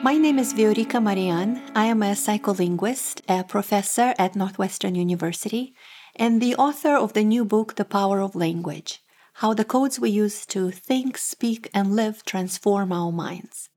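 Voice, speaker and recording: Speaking in a medium-pitched, darkish voice, an author and professor from Moldova gives a measured, scripted talk. Romanian is her native language, and she has a Moldovan Romanian accent.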